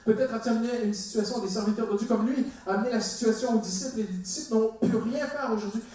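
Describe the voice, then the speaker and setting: A man preaching a sermon to a congregation, talking to them directly and acting out the words he quotes. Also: quick pace. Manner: animated, dramatizes quotes with big pitch swings. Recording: echoey hall, mic from a distance.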